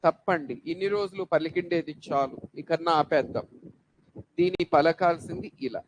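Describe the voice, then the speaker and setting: A man's voice: on the high side, normal speed, lo-fi sound, a little hiss or hum. A man teaching an English grammar lesson, asking questions and answering them himself and drilling word sounds one by one. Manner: poses rhetorical questions then answers them; drills words by repeating sounds. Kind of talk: classroom-style grammar lesson.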